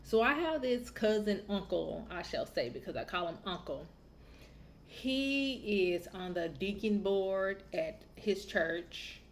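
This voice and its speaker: A woman's voice: medium pitch, very animated, slow pace, a little hiss or hum. A woman raised in the Southern United States, hosting a podcast and telling a family story in a candid, opinionated, chatty way. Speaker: podcast host. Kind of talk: casual podcast monologue.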